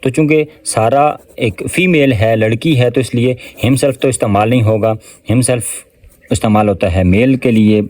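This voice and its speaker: A male English tutor with a Pakistani Urdu accent works through test questions in a mellow, low-key voice. His sentence readings come slow and deliberate, with pauses between his explanations. The sound is close and dry. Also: dry recording. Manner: explains step by step with frequent fillers. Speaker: English teacher. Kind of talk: test-prep lesson explaining answers.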